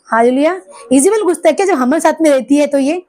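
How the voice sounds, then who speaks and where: With a high, mellow voice and a fast delivery, a middle-aged woman preaches in a church hall. She calls out many hallelujahs and asks the congregation questions, drawing responses from them.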